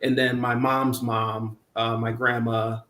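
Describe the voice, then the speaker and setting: A man's voice: medium pitch, little pitch movement, fairly bright tone. A young man from Minnesota, a guest in an interview, speaking reflectively with frequent restarts and ums. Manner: halting, many restarts and ums. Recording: roomy echo.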